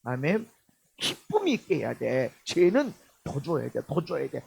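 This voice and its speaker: A middle-aged male pastor preaching a sermon, swinging from loud exhortation to low muttered asides and acting out the people he quotes. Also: very animated, a little slow, vocal fry, a little hiss or hum.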